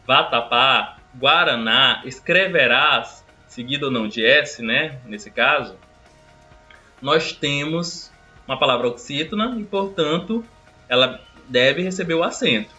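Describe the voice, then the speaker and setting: A man teaching a recorded grammar lesson, explaining step by step and drawing out example words slowly. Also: medium pitch, lively intonation, bright, forceful tone, lo-fi sound, soft background music.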